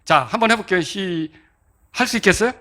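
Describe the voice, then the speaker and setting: A man's voice: high voice, brisk, bright, forceful tone. A male pastor giving an interactive sermon lesson on hymn rhythm, asking the congregation questions and sounding out beats. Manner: interactive, asks congregation to clap and answer; sings out beats to demonstrate rhythm.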